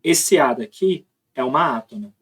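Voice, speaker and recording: A man's voice: mid-range voice, expressive, normal speed, a bit bright, breathy edge. Male teacher explaining step by step. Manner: explains step by step, often checks with "tá?". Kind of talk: recorded classroom lesson.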